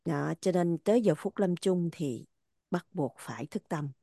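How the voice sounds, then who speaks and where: A woman leads a spiritual talk, unpacking religious poems line by line. She is earnest and repeats phrases to drive her points home. Her voice sits low and mellow, recorded close in a dry space. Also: lively intonation, a little slow, creaky, dry recording. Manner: earnest, repetitive, stressing words. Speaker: religious teacher explaining poems.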